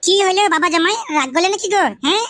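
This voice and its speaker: A woman's voice: extremely high pitch, fast, a bit bright, dry recording, soft background music. Woman doing a coaxing, flirty mother-in-law. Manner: coaxing, sweet-talking. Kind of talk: comic cartoon voice acting.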